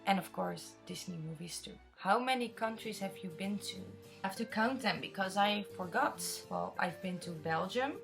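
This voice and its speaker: Over music, a Dutch-accented woman in her twenties talks at a moderate pace with few pauses, her medium-pitched voice gravelly. In this casual vlog, she fields viewer questions openly, chatting and rambling as she tells stories.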